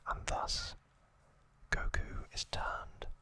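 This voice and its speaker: Whispering breathily and without voice, a male ASMR host gives a slow recap, hushed and broken into short phrases.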